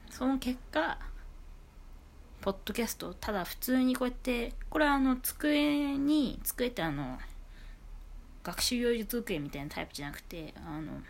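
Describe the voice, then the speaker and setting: A woman talking casually into a phone on a low table at home, her voice high, clear and carrying. She rambles through her thoughts with plenty of fillers and asides. Her pitch moves lively and widely as she talks. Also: normal speed. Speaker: podcast host. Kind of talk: casual solo podcast talk. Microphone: iPhone on a low table.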